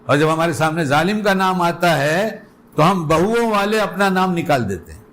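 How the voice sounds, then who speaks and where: A man's voice: on the high side, lively intonation, fairly bright tone. A man delivering an Islamic sermon in a colloquial way, putting rhetorical questions to his listeners. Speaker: preacher.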